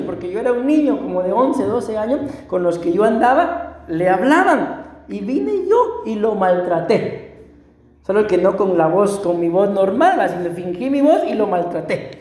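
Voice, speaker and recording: A man's voice: high-pitched, darkish tone. A middle-aged man with a Costa Rican accent, preaching a sermon and telling a personal story in an earnest, emphatic and repetitive way. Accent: Costa Rican Spanish. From Costa Rica. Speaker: pastor. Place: church hall. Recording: echoey church hall.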